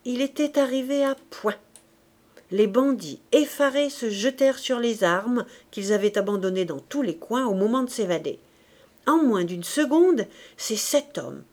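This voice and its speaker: A woman reading a classic novel aloud as an audiobook narrator, clear and measured. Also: fairly high pitch, darkish tone. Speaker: audiobook reader.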